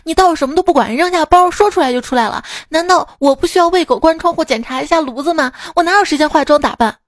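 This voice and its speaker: A woman voicing an indignant young woman who scolds her boyfriend in rapid-fire complaints. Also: sits high, no echo, studio quality, pitched above the performer's own voice, natural voice.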